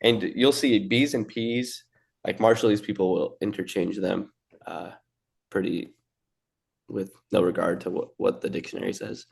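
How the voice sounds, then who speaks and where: Man, young adult, low voice, gravelly, relaxed casual teacher. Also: moderate pace. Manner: relaxed, explains with fillers and restarts. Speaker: language teacher. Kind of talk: casual lesson.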